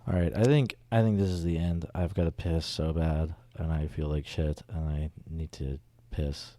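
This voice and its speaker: A man's voice: very deep voice, steady tone, moderate pace, warm tone, no echo. A man who is sick, joking crudely and bluntly on a casual podcast.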